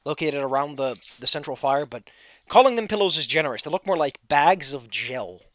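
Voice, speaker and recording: A man's voice: a little high, animated, a little fast, fairly bright tone, no echo. A man narrating a tabletop game as game master, describing scenes to the players.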